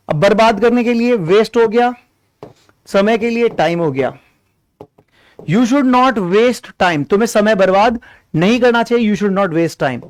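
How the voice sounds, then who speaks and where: A man with an Indian accent teaching an online spoken-English lesson, energetic and repetitive, drilling his students. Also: very high-pitched, smooth, no room sound.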